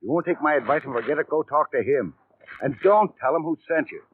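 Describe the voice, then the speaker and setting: A man's voice: fairly high pitch, lively intonation, quick pace. An actor playing a friendly, worldly male hotel house detective who talks in a chatty, confiding way, heard as an old AM radio broadcast. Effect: old AM radio broadcast sound. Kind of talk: 1950s radio drama acting. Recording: tinny, narrow-band old radio broadcast with faint hiss.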